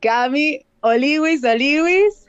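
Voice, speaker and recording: A woman's voice: high-pitched, lively intonation, slow pace, no room sound, dull audio. Giggly Mexican woman reading chat greetings. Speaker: live stream co-host. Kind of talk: casual live-stream chat.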